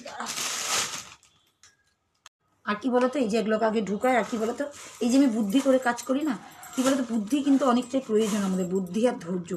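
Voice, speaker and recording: A woman's voice: on the high side, very noisy. A woman chatting casually to her viewers while cooking in her home kitchen, talking straight to them and now and then using baby talk with a child. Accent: Bengali.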